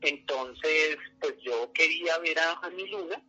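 A man recounts his story earnestly, pausing on fillers. His voice is sharp and husky, a little high for a man. He comes through a dull phone line. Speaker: guest, father. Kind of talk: personal storytelling in a radio interview.

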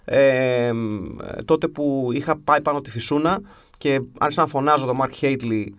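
A man's voice: mid-range voice, no room sound, studio quality. A man chatting casually as a podcast co-host, telling stories with wry, grumbling humor. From half English. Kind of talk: casual chat.

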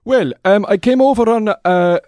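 Guy doing an old irish storyteller in a comedy interview, lilting, wistful n halting, close dry sound. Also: high voice, darkish tone, no echo, lightly acted. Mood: earnest, wistful. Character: old Irish storyteller raised by wolves, earnest and absurd. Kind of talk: improvised comic interview in character.

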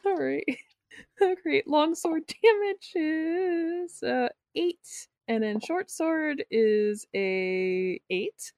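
A woman's voice: high-pitched, expressive, extremely slow, darkish tone, dry recording, studio quality. A woman speaking casually as a player in a tabletop game, calling out rolls and moves.

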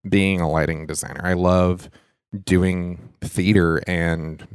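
Low smooth-voiced man telling his story. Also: flat delivery, takes it slowly, dry recording, studio quality. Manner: earnest storytelling, frequent "like" and "right?". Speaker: mentor and lighting designer. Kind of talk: casual faith podcast conversation.

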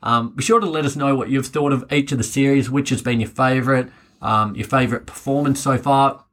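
A chatty man hosts a casual sports podcast at a mid pitch. He talks in an upbeat, easygoing way and keeps the segments moving. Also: steady tone, brisk, a bit bright. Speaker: podcast host.

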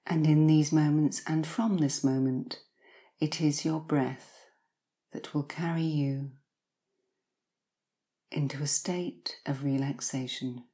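Very slow, soothing low-voiced woman, hypnotic countdown style. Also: steady tone, warm tone. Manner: slow, soothing, repetitive, with long pauses. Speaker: hypnotherapist guiding relaxation.

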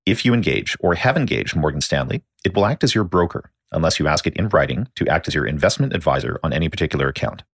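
A man reading a scripted legal disclaimer at a fast clip as an announcer. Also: rumbling low, lively intonation, fairly bright tone, dry recording, studio quality.

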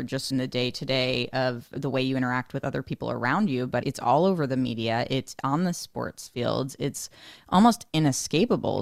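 Interview host, mid-pitched, measured and articulate, dry close sound. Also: no echo. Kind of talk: reflective interview conversation.

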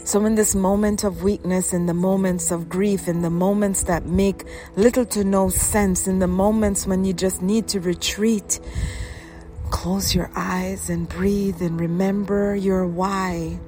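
A woman performing a devotional spoken-word poem, drawing her phrases out slowly and often dropping into a whisper, over soft music. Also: mid-range voice, fairly even intonation. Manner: slow, drawn-out phrasing that drops to a whisper.

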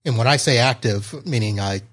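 A man's voice: mid-range voice, fairly quick, a bit bright. A man from Florida hosting a casual podcast, chatty and often laughing as he reads. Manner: chatty, laughs while reading. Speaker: podcast host.

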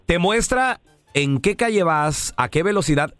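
A Mexican man co-hosting a radio show, telling animated anecdotes with mock whining. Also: fairly high pitch, measured pace, no echo, soft background music. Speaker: radio co-host. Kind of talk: storytelling radio banter.

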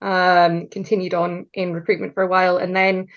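Guest, woman, energetic and candid, mid pitch, a little lo-fi. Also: normal speed. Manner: enthusiastic, swears casually. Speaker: podcast guest, HR consultant. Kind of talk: casual interview chat.

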